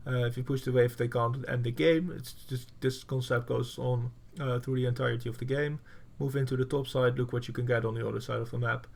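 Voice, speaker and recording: Blunt, gravelly male game coach. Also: mid-range voice, level tone, a little fast, few pauses. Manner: blunt and profane, with frequent fillers. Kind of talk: gameplay review commentary.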